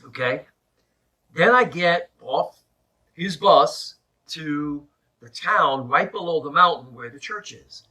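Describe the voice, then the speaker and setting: A man tells a personal story in a very bright, forceful voice that sits a little high. His delivery is animated and emphatic, with dramatic pauses. He is recorded in an attic, a little way from the microphone. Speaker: religious presenter and storyteller. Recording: slightly distant mic in an attic.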